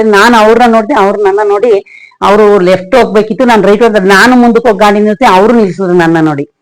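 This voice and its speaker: A woman's voice: mid-range voice, rough recording. A woman vlogger telling a personal story in a rambling, emotional way, often calling her viewers friends. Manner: emotional, reflective.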